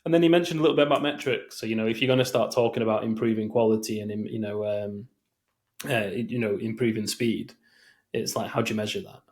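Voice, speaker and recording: A man's voice: on the low side, steady tone, quick pace, a little mellow. A man co-hosting a podcast, chatting casually and rambling with many fillers and restarts. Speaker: podcast co-host. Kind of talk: casual chat.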